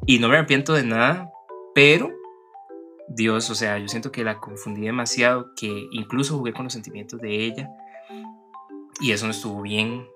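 A man's voice: medium pitch, moderate pace, music in the background. A young man with a Costa Rican accent chatting casually as a podcast co-host, dropping English words into his Spanish. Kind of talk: casual personal conversation.

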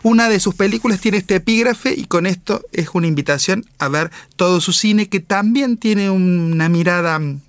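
Male radio host, fairly high voice, dry close sound, explains cinema with fillers. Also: normal speed, few pauses, no room sound. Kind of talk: cultural radio commentary.

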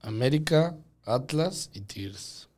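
A man's voice: mid-range voice, animated, slow pace, darkish tone. A Mexican man co-hosting a casual football podcast, blunt and swearing freely. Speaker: podcast co-host. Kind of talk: casual chat.

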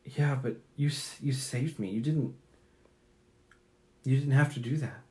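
Man doing earnest wounded young hero, dazed, slightly raised pitch, tabletop game. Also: sing-song, slow, a little mellow. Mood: grateful. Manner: earnest and breathless.

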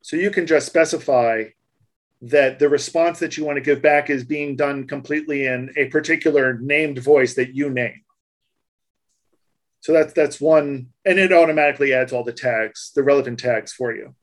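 A man's voice: medium pitch, normal speed. A man on a casual tech podcast, patiently explaining things and restarting his sentences. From United States. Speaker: co-host explaining voice tags.

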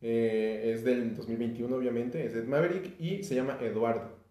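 A man's voice: medium pitch, moderate pace. Laid-back Mexican man in an echoey room. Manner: relaxed, hesitant, many fillers and restarts. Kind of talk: casual podcast chat about music.

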